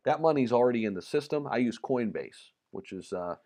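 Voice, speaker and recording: Reading comments from viewers on his casual crypto stream, a US man rambles amiably with plenty of ums and repetitions. He talks fairly fast at a medium pitch, his voice slightly going and a bit worn.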